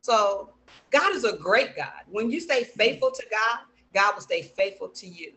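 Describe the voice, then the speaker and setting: A man's voice: sits high, lively intonation, unhurried, pushed and bright, rough recording. A man talking in casual chat as a gospel musician guest, enthusiastic and repeating himself.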